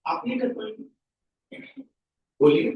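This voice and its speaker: A male tutor teaching a math class, speaking slowly and repeating key terms for his pupils, with a mix. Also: highs cut off. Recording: roomy classroom, mic at a distance.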